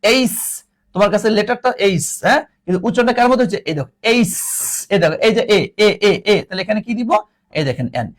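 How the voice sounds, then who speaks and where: A man's voice: sits high, animated, racing. A man teaching an English grammar class, repeating each word and teasingly scolding his students. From Bangladesh.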